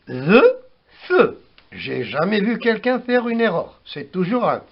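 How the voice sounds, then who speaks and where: A man giving a spoken language lesson, slowly repeating words to show how they are pronounced, on a dull lo-fi recording. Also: high voice, very animated, creaky, husky. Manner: slow, repeats words for pronunciation. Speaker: language teacher.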